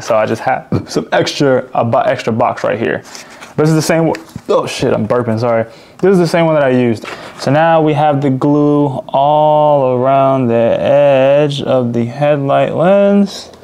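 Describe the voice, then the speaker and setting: A young man with a medium-pitched, darkish voice narrates a DIY car repair casually as he works on it. He's laid-back and swears now and then.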